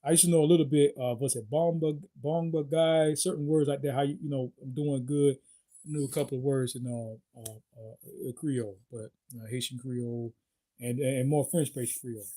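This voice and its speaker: A man hosting his own video, giving a loose, halting sign-off and often stopping to search for words. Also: mid-range voice, fairly even intonation, mellow. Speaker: video host. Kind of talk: casual vlog sign-off.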